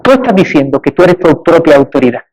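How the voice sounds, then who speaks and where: High-voiced man preaching emphatically. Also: big pitch swings, fast talker, darkish tone, poor audio. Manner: emphatic, rising on repeated rhetorical lists. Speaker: pastor. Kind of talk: sermon.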